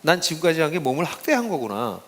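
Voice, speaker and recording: A middle-aged pastor giving a casual talk to students, telling stories in an animated, informal way. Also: male voice, on the high side, fast talker, in a large hall. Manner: lively storytelling, casual speech to young listeners.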